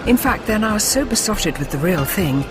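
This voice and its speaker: A woman's voice: mid-range voice, expressive, normal speed. A woman presenter giving a dramatic, scripted nature documentary narration. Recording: music behind the voice.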